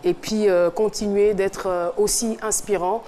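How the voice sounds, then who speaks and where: A woman hosting a TV show in a studio with a live audience, lively and playful as she calls out to the crowd and interviews guests. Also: medium pitch, a little slow. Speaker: TV show host. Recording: noisy studio with crowd behind.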